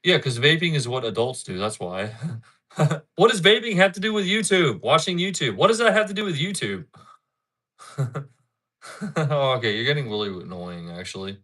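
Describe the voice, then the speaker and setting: Thirties male streamer, bright forward voice, loose rambling chat with viewers. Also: mid-range voice, very animated, moderate pace, long pauses. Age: 30s. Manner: rambling, repeats himself, talks back to chat. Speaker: livestreamer. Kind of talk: casual live-stream chat.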